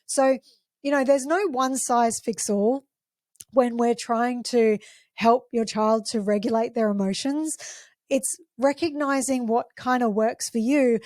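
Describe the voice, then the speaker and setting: A woman hosting a parenting podcast, explaining gently and using examples. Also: a little high, fairly even intonation, a little slow, no room sound, clean studio sound.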